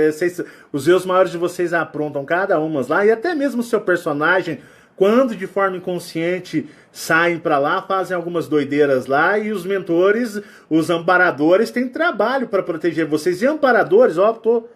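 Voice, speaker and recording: Animated high-voiced Brazilian man. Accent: Brazilian Portuguese. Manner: animated, acts out sounds and quotes. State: sweating. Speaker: spiritual channel host. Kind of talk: casual spiritual talk.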